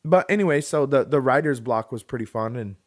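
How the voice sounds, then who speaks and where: Speaking briskly at a mid-range pitch, a man in his late thirties co-hosts a podcast. His casual chat turns into a long, rambling tale, and he performs other people's words with lively animation.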